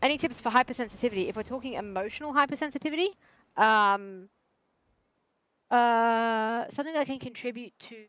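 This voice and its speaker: A woman's voice: fairly high pitch, brisk, fairly bright tone, no echo. A woman therapist chatting casually while gaming, rambling with lots of fillers and self-corrections.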